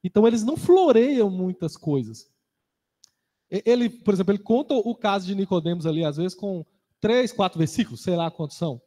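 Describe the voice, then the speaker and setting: Brazilian man, high mellow voice, laid-back Bible class speaker, echoing hall. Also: a little fast. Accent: Brazilian Portuguese. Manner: relaxed, conversational, personal anecdotes. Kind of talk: casual Bible class talk. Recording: reverberant hall.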